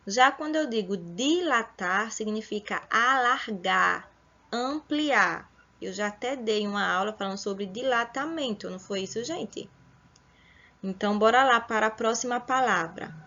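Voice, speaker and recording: A woman teaching an online school lesson, slowly explaining words and calling her pupils her dears. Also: medium pitch, pushed and bright, dull audio. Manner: slow, explanatory, affectionate asides to pupils.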